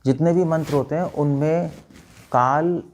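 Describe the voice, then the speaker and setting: A monk gives a spiritual talk to a live group. His voice is dark and mellow. He quizzes his listeners and chants lines to show how they should sound. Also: fairly high pitch, fairly even intonation, unhurried, a little hiss or hum. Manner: questioning listeners, demonstrating chants. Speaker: monk teacher.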